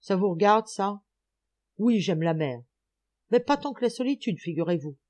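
A gruff, hostile hulk of a man, as a woman reading the audiobook puts him on, shouting his contempt and loud with anger. The tone is mellow and dark, and the reading is storybook-style. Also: lowish voice, animated, normal speed. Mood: scornful. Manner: shouting, scornful.

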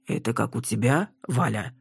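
A woman voicing an easygoing, joking older man, a father, in slow, lowered, amused tones. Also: animated, gravelly, breathy edge, no room sound, clean studio sound, exaggerated voice. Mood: wry.

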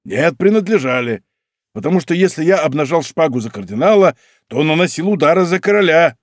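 Brief: a man reading a big, blunt old musketeer baron, hearty and booming, with a lively swing in his tone, for an audiobook. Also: brisk, dry recording, clean studio sound, natural voice. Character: boastful burly old male musketeer baron.

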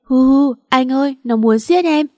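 A woman's voice: high voice, expressive, quick pace, a little mellow, no room sound, clean studio sound, pitched above the performer's own voice. Woman voicing a wailing spiteful young woman. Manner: wailing, sobbing pleas. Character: whiny pregnant young woman, spiteful bully.

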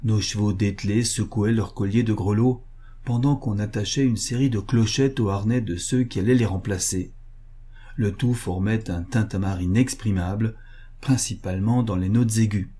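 A man reading a literary short story aloud in a measured, even storytelling manner. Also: on the low side, husky. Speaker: audiobook narrator. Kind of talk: scripted literary narration.

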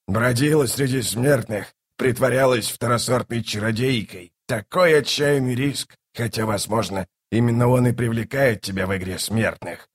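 A man's voice: mid-range voice, normal speed, few pauses, slightly rough, natural voice. A man voicing a scornful ancient tyrant king in an audiobook, mocking and boastful. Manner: mocking, boastful, erupts into shouting. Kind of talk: audiobook character voice.

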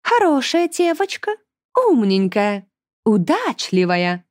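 A woman reading an audiobook, voicing a cruel, mocking female demon who gloats in slow, drawn-out taunts. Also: on the high side, wildly swooping pitch, dry recording, clean studio sound, pitched above the performer's own voice, exaggerated voice. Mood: gloating taunt.

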